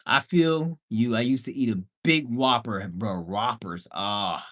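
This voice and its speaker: A man with a Bahamian background hosts a laid-back livestream, speaking a little slowly at medium pitch with a fairly bright tone. He is a house flipper, and his talk is slangy and playful with emphatic exclamations.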